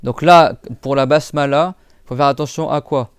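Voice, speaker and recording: Guy teaching recitation, smooth clear voice, dead dry sound, chatty with lots of fillers. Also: fairly high pitch, fairly even intonation, normal speed, no room sound. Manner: patient, repeats and drills sounds; casual spoken French with many fillers. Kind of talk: live class explanation.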